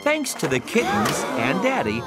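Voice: mid-range voice, huge pitch swings, moderate pace. An actor narrating a children's cartoon like a storybook. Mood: upbeat. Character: storybook narrator introducing kitten adventures. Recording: loud music and crowd behind.

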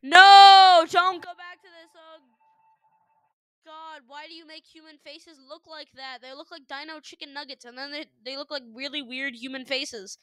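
Young woman, high-voiced reaction commentator; sarcastic, jumpy, yelps when startled, dry close sound. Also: normal speed, dry recording. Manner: excitable, jumps to loud startled yelps and gasps; sarcastic running jokes. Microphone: headphones on while recording.

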